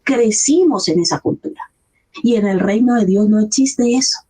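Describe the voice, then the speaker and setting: A woman's voice: medium pitch, moderate pace, dark tone, husky. A middle-aged woman pastor, preaching a sermon in an earnest, conversational way. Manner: earnest, conversational preaching, acts out quoted voices.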